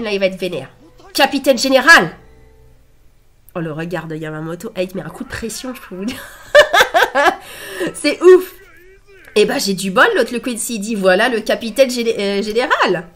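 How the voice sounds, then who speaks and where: A woman with a stuffy nose and a nasal voice, commenting excitedly on an anime episode and reading its subtitles aloud. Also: mid-range voice. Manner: excitable, exclaiming and laughing between read-out subtitles. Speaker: anime reaction host.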